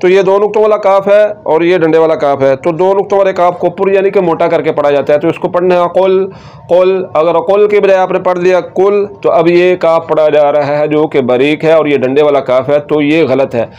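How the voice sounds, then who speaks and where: A man teaching Quran recitation, explaining letter sounds step by step and repeating words slowly. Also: on the high side, darkish tone, clear, resonant tone, dull audio. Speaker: tajweed teacher.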